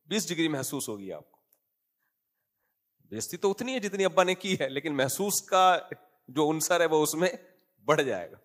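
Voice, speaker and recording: A man's voice: on the high side, expressive, pauses often, fairly bright tone. A man giving a humorous, conversational sermon as a preacher, telling family anecdotes in a joking tone. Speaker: Islamic preacher.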